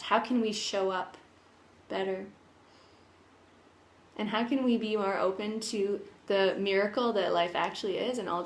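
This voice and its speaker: A woman speaks pensively in a mid-pitched voice, as if thinking aloud in a personal vlog. The delivery is earnest and open, with thoughts that trail off and get picked up again. The room adds a clear echo around the words. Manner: candid, earnest, emotionally open. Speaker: personal development vlogger sharing their own journey. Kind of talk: reflective personal vlog monologue. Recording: echoey room.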